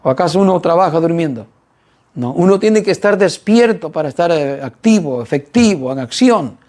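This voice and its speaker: A man's voice: fairly high pitch, animated, normal speed, darkish tone. A man preaching a sermon in an earnest way, often putting rhetorical questions to his listeners.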